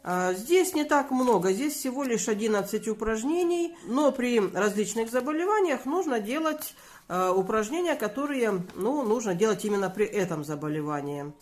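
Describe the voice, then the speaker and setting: A woman vlogger speaking to viewers in an informal advice talk, gently and earnestly recommending things. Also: on the high side, lively intonation, moderate pace.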